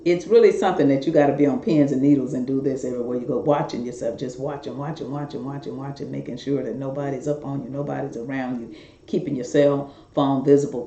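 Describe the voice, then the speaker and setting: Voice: medium pitch, dark tone, a little hiss or hum. A middle-aged talk show host giving rambling, earnest, repetitive warnings straight to viewers in a casual monologue. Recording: roomy, dull lo-fi recording.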